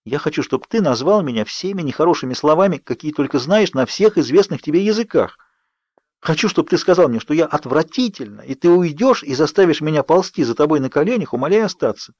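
A man's voice: fairly high pitch, expressive, fast, a little mellow, dry recording, pitched above the performer's own voice. A man voicing Bella, a desperate teenage girl who pleads urgently, read for an audiobook. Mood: pleading. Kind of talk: audiobook character reading. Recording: dry, slightly dull studio read.

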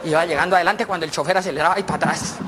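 A man telling jokes on a radio comedy segment, in a lively, chatty storytelling manner. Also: a little high, racing. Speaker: joke teller.

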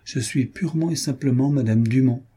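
Impassioned young duchess, theatrical and indignant, read by a man, dark husky tone. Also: mid-range voice, fairly quick, natural voice. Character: passionate young woman, a duchess of the ballroom. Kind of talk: audiobook character reading.

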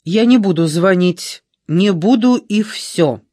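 A man's voice: high voice, sing-song, slow, no echo, clean studio sound, exaggerated voice. A man reading an audiobook, voicing a frightened, angry old woman with scornful, indignant outbursts.

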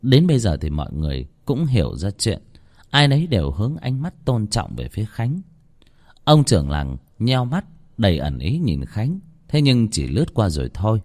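A man narrating a horror story with dramatic, expressive delivery. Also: on the low side, normal speed.

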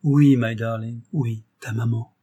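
A tender young mother speaks with heartfelt earnestness, as a male narrator puts her on. The voice is dark and husky, read from a storybook. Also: medium pitch, fairly even intonation, measured pace, muffled recording.

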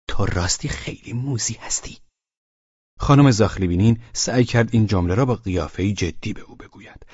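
A man narrating an audiobook in a measured, even storytelling voice. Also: medium pitch, breathy edge, no echo. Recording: dull lo-fi sound, dry.

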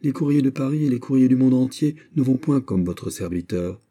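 A bold, bantering veteran musketeer, as a male reader puts him on, familiar and teasing. The voice sits higher and louder than the reader's narration, dark and a little husky. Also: animated, fairly quick, close to an everyday voice. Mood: hearty. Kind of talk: audiobook character voice.

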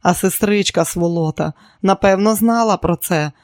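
Man voicing a high-strung young showgirl, gushing, lifted, dry read. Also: normal speed, a little mellow, dry recording, natural voice. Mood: emotional. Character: impulsive excitable young woman, a chorus dancer.

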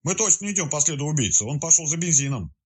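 A man's voice: on the high side, very animated, fast talker, pitched above the performer's own voice. Man doing a breathless, blurting detective. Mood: excited. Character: excitable male police detective, out of breath.

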